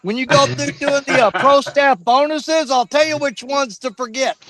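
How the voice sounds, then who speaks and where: Very high-pitched older man, wry teasing. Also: normal speed, heavy background noise. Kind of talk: casual chat.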